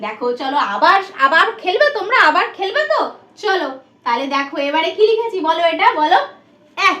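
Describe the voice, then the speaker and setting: A woman's voice: extremely high pitch, fairly bright tone, reverberant. A woman teacher from West Bengal with a Bengali accent, giving a demo class to small children in a sing-song, coaxing way full of prompting questions.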